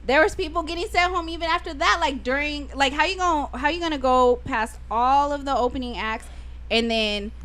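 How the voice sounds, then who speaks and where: A woman's voice: high-pitched, brisk, fairly bright tone. A young woman chatting casually on a podcast, telling a story with emphatic energy. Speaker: podcast co-host. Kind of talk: casual chat.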